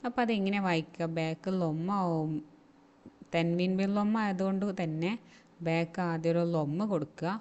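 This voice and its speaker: A woman's voice: on the low side, fairly even intonation, moderate pace, a little mellow, highs cut off. A woman teaching Arabic reading in Malayalam, explaining each rule and repeating every word two or three times. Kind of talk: slow spelled-out reading lesson.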